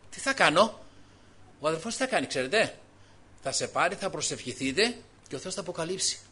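A man preaching an impassioned sermon as pastor, swinging between hushed, intimate passages and loud calls, with frequent alleluias. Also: a little high, expressive, breathy edge.

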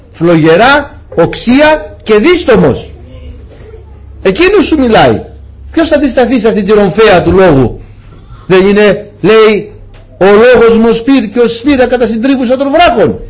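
Male preacher, husky and high-voiced, animated sermon delivery that acts out dialogue. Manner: animated storytelling, voicing dialogue with high pitch swings.

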